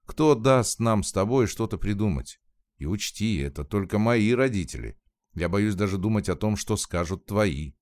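A man voicing a tearful young woman who is torn and desperate, in a soft, pleading read. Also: lowish voice, animated, normal speed, no echo, clean studio sound, close to an everyday voice. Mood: wistful.

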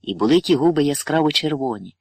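Guy reading a novel out loud, earnest and steady, dead dry mic. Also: fairly high pitch, fast, husky, no echo. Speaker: audiobook narrator. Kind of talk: literary audiobook reading.

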